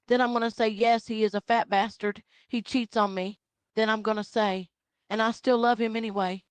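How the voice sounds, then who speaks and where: A woman voicing a loud, proud Southern Baptist mother in her forties with a Southern US accent, talking in an earnest, rambling, repetitive way. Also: on the high side, steady tone, moderate pace, smooth, no echo, natural voice.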